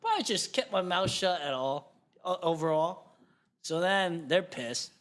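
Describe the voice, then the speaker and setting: A young man with a slightly high voice tells a story on a podcast, fast and loose. He swears freely and jumps to loud yelling whenever he acts out what people said. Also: a little hiss or hum. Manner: animated, swears freely, jumps to yelling when acting out quotes. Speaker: guest comedian. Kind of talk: casual storytelling. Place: podcast studio.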